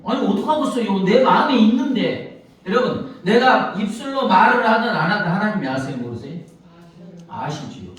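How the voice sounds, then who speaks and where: Lively preaching man in an echoey church. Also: high voice, normal speed. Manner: animated preaching, acts out pleading prayers, asks the congregation questions. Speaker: pastor. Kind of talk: sermon. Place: church sanctuary. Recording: echoey church hall, mic at a distance.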